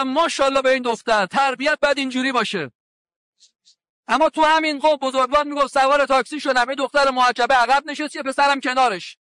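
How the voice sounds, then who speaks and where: A male cleric delivers a sermon in a strikingly high voice and a colloquial manner. He from around Qom and retells conversations, voicing the lines of the people in his stories. The sound is close and dry, with no room echo. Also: bright, forceful tone. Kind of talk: sermon with anecdotes.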